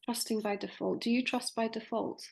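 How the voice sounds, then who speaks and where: A woman's voice: on the high side, steady tone, normal speed, gravelly. A woman in her forties hosting a conversation, musing and hesitant as she poses questions. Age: 40s. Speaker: podcast host. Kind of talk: conversational discussion.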